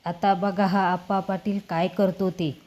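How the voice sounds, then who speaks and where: A woman's voice: on the low side, level tone, measured pace, darkish tone, natural voice. A woman voicing a domineering father who scolds his daughter in a commanding way. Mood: stern. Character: stern, domineering father, a politician.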